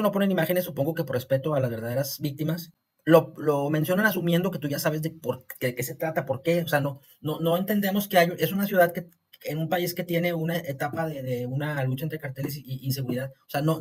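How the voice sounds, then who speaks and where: A man's voice: on the high side, a little mellow, slightly rough. A man from Monterrey with a northern Mexican accent, talking through a series review in a casual, rambling way, full of restarts and "o sea".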